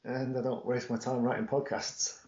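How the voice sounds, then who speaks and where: A man's voice: mid-range voice, level tone, moderate pace, a little mellow, dull audio, lightly acted. A man doing a teasing joker brother. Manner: wry, teasing.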